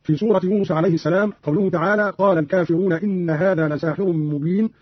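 A man explains recitation variants in the careful, formal manner of a religious radio program. His voice sits high and a little husky, and he moves along quickly. The recording is a muffled, lo-fi radio archive. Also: fairly even intonation, dry recording. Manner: measured, precise, scholarly. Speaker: radio presenter explaining Quran readings.

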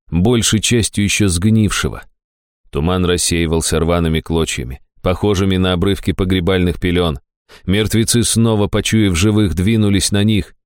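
A man narrating a fantasy audiobook in a very deep, low voice. His tone is smooth and resonant, and the recording is dry and close. He reads at a measured, even pace. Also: no echo.

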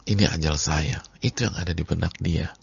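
A deep-voiced male preacher with a heavily gravelly, raspy tone tells a sermon as a dramatic story. He drops to hushed whispers, then bursts out loud, all on a dull lo-fi lecture recording. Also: fairly quick. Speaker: Islamic preacher.

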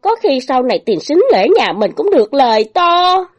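A scheming middle-aged stepmother shrieks her demands, shrill, high and quarrelsome, as a woman puts her on. A storybook shrew who never gives an inch. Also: very animated, normal speed.

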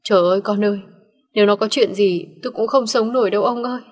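A woman's voice: medium pitch, quick pace, husky, lightly acted. A woman voicing a distraught elderly mother who laments tearfully and pleads with her husband. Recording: long reverb.

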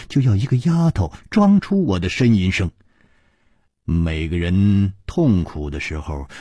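A man voicing a sorrowful ailing woman in a storytelling performance, speaking quietly and subdued. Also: lowish voice, husky, no room sound, clean studio sound. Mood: calm. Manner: quiet, subdued, sometimes whispered.

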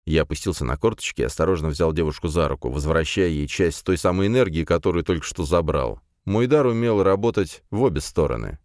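A man reading a first-person fantasy audiobook in an even, measured way. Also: deep voice, no echo, studio quality. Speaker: audiobook narrator.

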